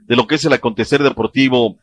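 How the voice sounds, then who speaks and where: A man presenting the sports headlines on a morning radio show, brisk and conversational. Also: mid-range voice. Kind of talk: radio sports news reading.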